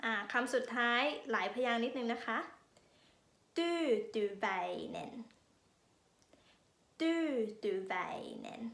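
A woman's voice: a little high, level tone, fast talker, few pauses, pushed and bright, roomy sound. A woman teaching a pronunciation lesson online, patiently drawing out each vowel sound for learners to repeat. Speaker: language teacher.

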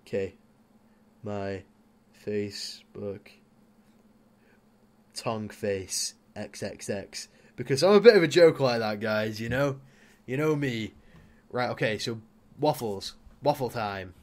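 A man's voice: medium pitch, animated, unhurried. Chatty young man playing a game. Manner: chatty, talks to his Sim, bursts into loud exclamations. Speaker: gaming YouTuber. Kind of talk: casual Let's Play commentary.

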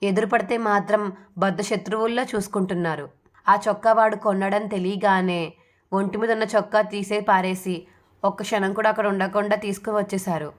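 A woman reading the part of a patient young wife who speaks softly and with resignation. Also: mid-range voice, steady tone, a little fast, lightly acted. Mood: resigned.

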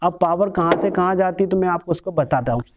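A man in his thirties teaches bike mechanics in a hands-on workshop lesson, explaining step by step while handling engine parts in a small room. He talks fast in a high-sitting voice, and the lo-fi recording sounds dull, with background noise.

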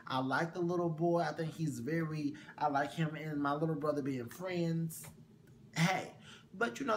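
A man's voice: fairly high pitch, a little hiss or hum. A man telling a story in a casual gossip chat, sassy and profane. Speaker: vlog co-host.

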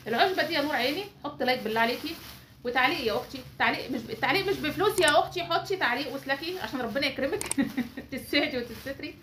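An Egyptian woman rattles through a hair-care recipe at breakneck speed. Her voice sits high, and her tone is chatty and teasing. She talks to her viewers like sisters while she guides them step by step. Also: lively intonation, racing, fairly bright tone, a little hiss or hum. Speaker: beauty channel host.

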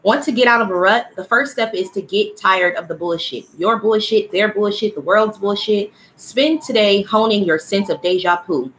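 A woman's voice: medium pitch, moderate pace, hardly any pauses, a bit bright, slight background noise, poor audio. A woman giving a casual, blunt livestream oracle card reading who swears freely and calls her listeners child and y'all. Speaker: spiritual card reader.

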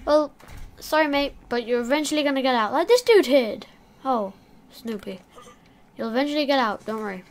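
A woman's voice: high-pitched, normal speed, a little hiss or hum. A woman giving casual gameplay commentary, chatting to the creatures in her game. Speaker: gamer.

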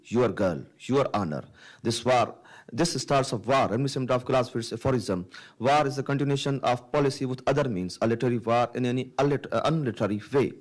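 A man's voice: medium pitch, a little mellow. Middle-aged man reading an essay. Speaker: panel speaker, writer. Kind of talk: reading a prepared essay aloud. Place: library meeting room with seated audience. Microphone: table microphone.

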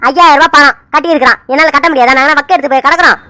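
A stubborn old grandfather from a cartoon serial, voiced by a woman, barks out his demands in a piercing, bright, fast voice. He keeps pushing with short, sharp challenges. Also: high-pitched, no echo, studio quality. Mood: scolding. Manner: scolding, keeps barking "ah?" demands. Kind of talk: Tamil cartoon serial voicing.

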